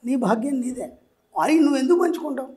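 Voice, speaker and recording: A man's voice: extremely high pitch, quick pace, warm tone. A man as a spiritual teacher and interview guest, giving advice through everyday examples and often asking whether the listener has understood. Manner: explains with homely examples, keeps checking understanding.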